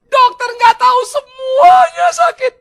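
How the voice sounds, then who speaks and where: A preacher doing a high shrill stubborn male patient, shouting complaints, very bright and sharp, wild swoops in pitch. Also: a little slow, heavily acted. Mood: whining, indignant. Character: whiny stubborn know-it-all male patient.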